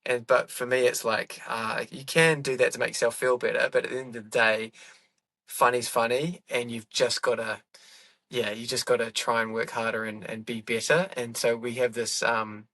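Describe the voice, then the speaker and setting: A middle-aged comedian, guesting on a podcast, chats at a moderate pace with a medium-pitched, level, bright and forceful voice. He rambles, corrects himself as he goes and laughs often. There's no room sound.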